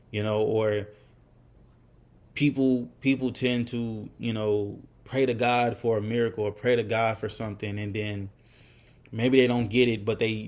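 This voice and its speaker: A lowish, slightly mellow voice belongs to this man in his twenties, a vlogger chatting off the cuff to the camera. He comes across as candid and reflective, rambling along with frequent fillers and restarts.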